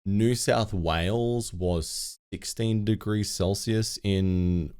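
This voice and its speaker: Low-voiced australian guy in his 30s, rambling podcast co-host, keeps correcting himself. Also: steady tone, slow pace, a little mellow, clean tone. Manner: rambling, filler-heavy, self-correcting. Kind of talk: casual chat.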